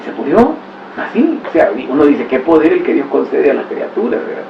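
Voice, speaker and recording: Higher-voiced man teaching in an echoey room. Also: sing-song, brisk, vocal fry. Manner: storytelling with exclamations and rhetorical asides. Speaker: catechist. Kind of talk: religious teaching talk. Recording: roomy, distant, dull recording with faint hiss.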